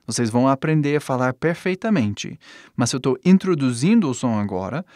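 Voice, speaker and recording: Male English teacher, native English speaker, patient and encouraging, demonstrates sounds; dry close mic, mid-pitched. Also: animated, darkish tone, dry recording. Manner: patient, reassuring, repeats sounds slowly to demonstrate. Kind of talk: language lesson.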